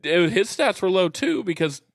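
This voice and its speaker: A man co-hosting a casual sports podcast over a video call, animated and ribbing his partner. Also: high voice, moderate pace. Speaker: co-host.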